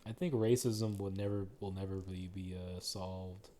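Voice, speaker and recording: A man's voice: low-pitched, fairly even intonation, normal speed, dark tone, a little hiss or hum. A young man co-hosting a casual podcast chat, teasing his friends and laughing often. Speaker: podcast co-host.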